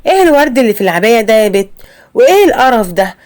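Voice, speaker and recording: A woman with an Egyptian accent voicing a snobbish, contemptuous older mother-in-law in an animated story. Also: fairly high pitch, rapid-fire. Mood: scolding. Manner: scolding, contemptuous.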